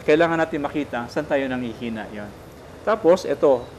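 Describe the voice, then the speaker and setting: A man, a priest giving a casual spiritual talk, gentle and teaching, often checking in with his listener. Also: medium pitch, expressive, a little fast, a little hiss or hum.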